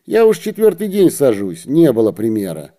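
Hoarse old grumbler voiced by a man, wheezy, mellow dark tone. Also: medium pitch, huge pitch swings, normal speed. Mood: grumbling. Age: older.

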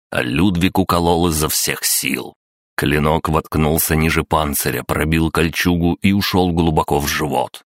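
A man narrating an audiobook in a measured, dramatic manner. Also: very deep voice, no echo, clean studio sound. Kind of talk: scripted narration.

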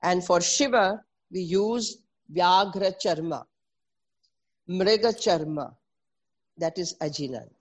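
A woman's voice: fairly low pitch, slow pace, long pauses, breathy edge. Didactic woman with a North Indian accent. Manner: didactic, spells out and repeats terms. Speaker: presenter explaining traditional Indian textiles. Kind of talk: informal explanatory talk mixing English with Hindi and Sanskrit.

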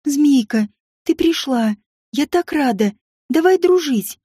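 A woman voicing a lonely, gentle little princess girl who speaks in an earnest, childlike way. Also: high-pitched, animated, slow pace, no echo, clean studio sound. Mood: excited, joyful.

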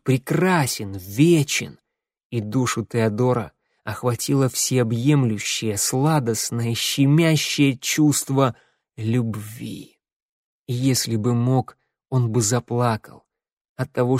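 Male audiobook narrator, slow and measured, lots of dramatic pauses, mid pitch, dead dry studio sound. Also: a little mellow, dry recording.

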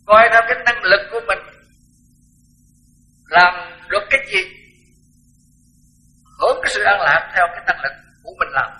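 An older monk preaches a sermon in a high, sharply bright voice. He talks frankly and bluntly, often repeating words to press a point. Soft music sits faintly behind him. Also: lively intonation, normal speed, pauses often, rough recording. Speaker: Buddhist monk teacher. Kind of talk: dharma talk sermon.

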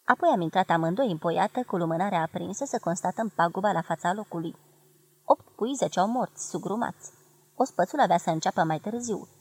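A woman from Romania giving a measured, expressive literary reading of a memoir. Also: medium pitch, breathy edge, dry recording. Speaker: reader of a memoir.

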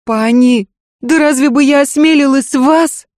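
A woman's voice: sits high, measured pace, darkish tone, no room sound, clean studio sound, pitched above the performer's own voice. A woman voicing a timid, frightened young housemaid, pleading.

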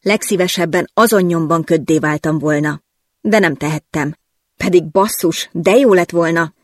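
An audiobook narrator reading a first-person novel in a lively, wry storytelling manner. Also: medium pitch, dry recording, clean studio sound.

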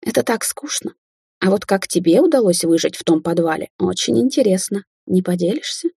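A woman's voice: mid-range voice, animated, brisk, creaky, warm tone, slightly rough. A woman voicing a smug, cruel adult sorceress in an audiobook, theatrical and mocking, sliding into hissed threats.

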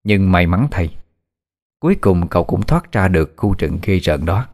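A man narrating a dramatic story in a steady, measured storytelling manner. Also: low-pitched.

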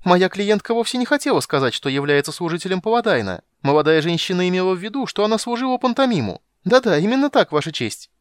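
Male narrator putting on a squeaky high kender prankster, giggly and brash, storybook trickster. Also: animated, fast, hardly any pauses, clear, resonant tone, dry recording, clean studio sound. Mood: excited. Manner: shrill, giggly, cheeky. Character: mischievous chattering kender, small male trickster.

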